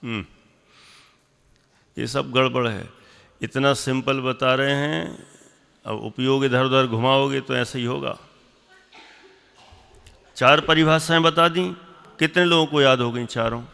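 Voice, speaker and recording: A man teaching a religious class, slowly repeating definitions and quizzing and scolding his pupils. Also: mid-range voice, fairly even intonation, creaky, bright, forceful tone, smooth, big-room sound. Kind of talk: classroom lesson with questions to students.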